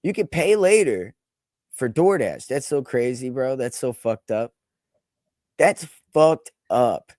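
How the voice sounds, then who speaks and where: A man in his twenties co-hosting a podcast, chatting casually, swearing often and jumping higher when riled up. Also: slow, no echo, studio quality. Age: 20s. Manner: animated, swears a lot, laughs, jumps in pitch when riled up. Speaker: podcast co-host. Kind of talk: casual profane chat.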